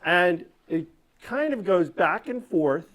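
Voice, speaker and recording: Slow-paced woman magician performing for kids. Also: on the low side, expressive. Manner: instructive, coaxing audience participation, with frequent check-in questions. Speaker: stage magician performing for children. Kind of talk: live magic show patter, talking to the audience.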